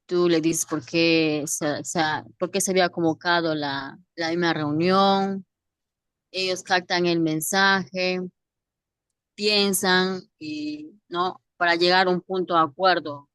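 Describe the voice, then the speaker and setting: Slow, clear-voiced woman student. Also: on the low side, fairly even intonation, a bit bright, no room sound, clean studio sound. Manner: slow and halting, repeating words. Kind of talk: class presentation.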